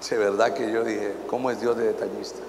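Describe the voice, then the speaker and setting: A man preaching a conference sermon to pastors, telling folksy anecdotes and rising into shouted exhortation. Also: on the low side, level tone, fairly quick, background noise. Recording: echoey hall reverb, faint ambience.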